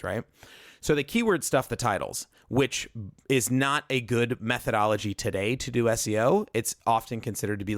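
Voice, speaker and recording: Speaking in a fairly low voice, a man co-hosting a laid-back podcast tells a drawn-out, meandering story full of self-interruptions and returns to earlier points. There's no room sound, and the quality is studio-grade.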